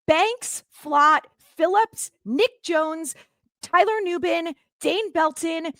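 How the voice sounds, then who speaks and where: Angry, swearing woman with a very high voice. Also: slow pace, fairly bright tone, no echo. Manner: heated, swearing, exasperated ranting. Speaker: sports podcast host. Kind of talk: solo sports recap rant.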